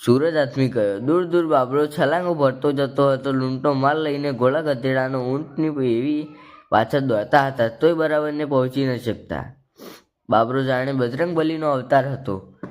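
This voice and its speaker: A male storyteller recounting an old folk legend at a middle pitch. He speaks in short, vivid phrases with a steady, plain delivery. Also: moderate pace.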